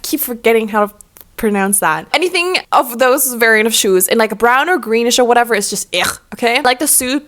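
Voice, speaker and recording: A woman's voice: medium pitch, a bit bright. A woman in her twenties chatting casually and giving frank opinions, with many "like" fillers. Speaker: YouTuber. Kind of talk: casual chat. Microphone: laptop.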